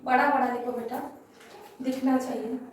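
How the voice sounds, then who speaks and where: Female teacher, high voice, patient quizzing delivery, distant echoey classroom sound. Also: level tone, moderate pace, slight background noise. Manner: patient, repeats and quizzes pupils. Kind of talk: classroom grammar lesson. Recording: echoey room from far off.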